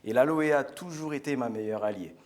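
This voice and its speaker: Man, mid pitch, earnest chatty studio guest, restarts often. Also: brisk, darkish tone. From French Guiana. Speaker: guest speaker. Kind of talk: product presentation on a live show.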